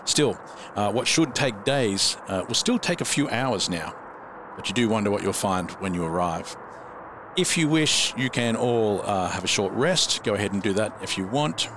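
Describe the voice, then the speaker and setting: A man narrating as dungeon master, relaxed and rambling, often chuckling. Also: fairly low pitch, moderate pace, noisy background. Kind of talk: narrating a tabletop game.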